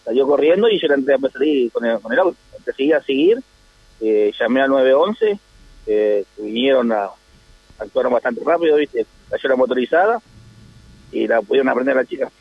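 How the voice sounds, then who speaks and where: A man's voice: mid-range voice, lively intonation, brisk, dry recording. A man with an Argentine Spanish accent tells his story in a rambling way over a tinny, phone-like line. The voice is completely dry, with no room sound at all. He keeps circling back with small tag phrases as he talks. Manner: rambling, repeats "le digo" and "¿viste?". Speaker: taxi driver. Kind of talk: phone interview telling a story.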